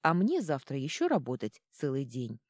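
A woman's voice: very deep voice, huge pitch swings, normal speed, dry recording, clean studio sound, heavily acted. A woman voicing a polite young prince who is tipsy and trips over his words. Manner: formal, stumbling over words.

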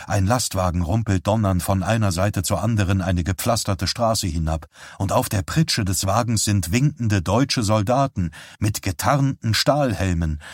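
A man reading an audiobook aloud in a grave, measured manner, close to the mic. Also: fairly low pitch, husky, no echo. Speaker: audiobook reader. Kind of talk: dramatic audiobook narration.

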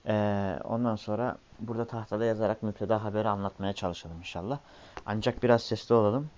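A man's voice: fairly low pitch, steady tone, fast talker, a little mellow. A man teaching a language lesson, explaining and correcting step by step, recorded on an old worn cassette. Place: recorded class session with a board. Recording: muffled, noisy old cassette tape.

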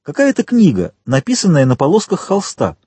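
An adult man voicing a humble, excitable prison gatekeeper in a storybook reading. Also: on the high side, brisk, slightly rough, pitched above the performer's own voice, heavily acted. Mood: eager. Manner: eager, excitable, pleading. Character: poor humble jailer, eager and amazed.

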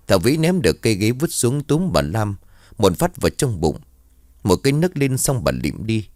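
A man's voice: lowish voice, sing-song, normal speed, a little mellow, no echo, clean studio sound. A man narrating a ghost story in a dramatic storytelling way.

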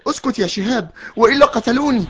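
A man's voice: very high voice, expressive, fast, slight background noise. A timid young boy. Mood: wondering. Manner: fearful, stammering when scared. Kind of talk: children's audio drama.

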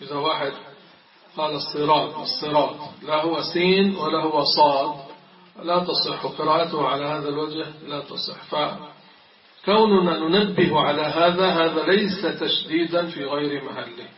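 A man's voice: on the high side, normal speed. A middle-aged man, a sheikh, teaching a religious lesson on Quran recitation, reciting examples and asking and answering his own questions. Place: mosque. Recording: echoey, distant, dull lo-fi recording.

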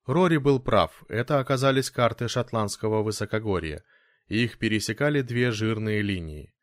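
A man reading a novel aloud as a steady audiobook narrator. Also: lowish voice, moderate pace, no echo, clean studio sound. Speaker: audiobook reader. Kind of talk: scripted narration.

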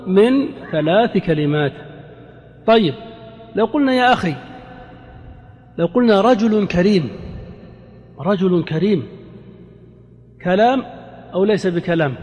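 A man teaching a grammar lesson to a class. He asks his students questions, answers them himself and repeats his examples slowly for emphasis. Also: high-pitched, darkish tone. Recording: lecture hall reverb.

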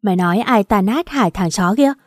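A woman's voice: medium pitch, lively intonation, a little fast, no room sound, studio quality, natural voice. A woman reading a coarse, menacing ex-husband. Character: brutish abusive ex-husband, young man.

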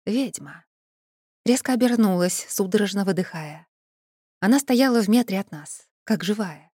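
A woman narrating a first-person fantasy audiobook in a lively, expressive storytelling manner. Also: mid-range voice, normal speed, husky, no room sound, studio quality. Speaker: audiobook reader.

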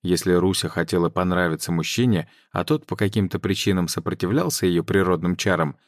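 A man narrating an audiobook in an even, measured reading. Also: deep voice, no echo, studio quality. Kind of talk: scripted narration.

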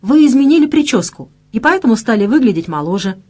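A woman's voice: on the high side, big pitch swings, fast, darkish tone, husky, pitched above the performer's own voice. A woman reading an audiobook and voicing a flippant young female office worker.

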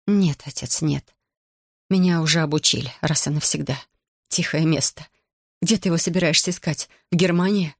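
A reader doing a calm, resolute young mother. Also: mid-range voice, no echo, clean studio sound, close to an everyday voice. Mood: calm, firm. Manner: calm, measured, firm.

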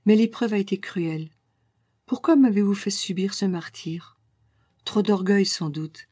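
Soft-spoken heartbroken young woman, voiced by a female storyteller, warm dark tone, dry close sound. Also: mid-range voice, measured pace, husky, no room sound. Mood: sad tender. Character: wounded proud young woman, gentle and sad.

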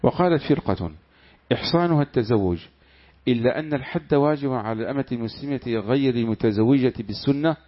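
A man's voice: mid-range voice, quick pace. A man reading a classical religious commentary aloud to his teacher, answering with short amens between passages. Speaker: student reading the text aloud. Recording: dull lo-fi recording.

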